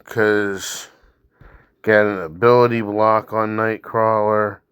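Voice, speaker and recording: A man's voice: on the low side, level tone, slow, a bit bright, clean tone, no room sound, clean studio sound. A man giving casual, blunt, instructive commentary over his own gameplay as he walks through tactics. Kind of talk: casual mobile game walkthrough commentary.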